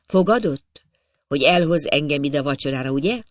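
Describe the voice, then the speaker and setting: A man's voice: a little high, animated, dry recording, close to an everyday voice. A man voicing a proud young lady. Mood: defiant. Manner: dignified, pleading. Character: young woman, proud and defiant.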